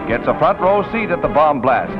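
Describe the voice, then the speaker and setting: High-pitched dramatic 1940s newsreel man. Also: sing-song, normal speed. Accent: American. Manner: dramatic, emphatic announcing. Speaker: newsreel narrator. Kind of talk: 1940s newsreel narration, scripted. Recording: dull lo-fi 1940s newsreel soundtrack. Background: loud music.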